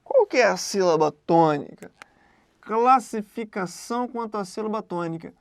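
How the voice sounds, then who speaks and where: A woman teaching an exam-prep grammar lesson in a conversational way, often checking in with quick questions. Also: medium pitch, animated, creaky, no room sound.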